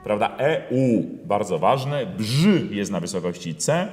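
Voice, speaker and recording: A man giving a singing lesson, talking through phrases slowly with many pauses and fillers, and singing parts of them out in full voice. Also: lowish voice, lively intonation, darkish tone, soft background music. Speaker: voice teacher. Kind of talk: singing lesson with sung demonstrations. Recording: roomy hall with long reverb.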